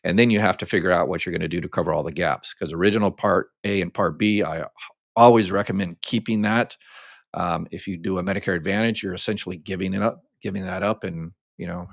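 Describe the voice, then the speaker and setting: An older American man with a very low, deep voice talks through viewer questions in a relaxed, rambling way. He fills his explanations with ums and restarts. The sound is close and dry, with little room echo. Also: fast, creaky. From United States. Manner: casual, explains step by step with many ums and restarts. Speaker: host answering viewer questions. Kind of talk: live Q&A chat.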